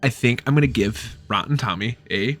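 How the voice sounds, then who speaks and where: A man's voice: mid-range voice, normal speed, loud music behind the voice. Rambling, swearing man reviewing books. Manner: rambling, loose, with frequent swearing. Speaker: book reviewer. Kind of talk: casual book review.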